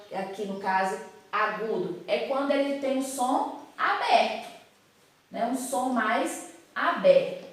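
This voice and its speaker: A Brazilian woman teaching a children's lesson, explaining patiently with playful asides and frequent tag questions. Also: a little high. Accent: Brazilian Portuguese. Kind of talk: recorded classroom lesson for children. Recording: very echoey room.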